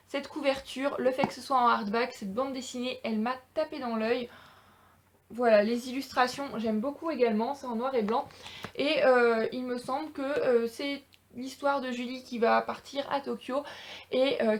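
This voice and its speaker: A young woman with a French accent, chatting enthusiastically on a casual book haul vlog, with frequent hesitations. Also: fairly high pitch. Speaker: booktuber.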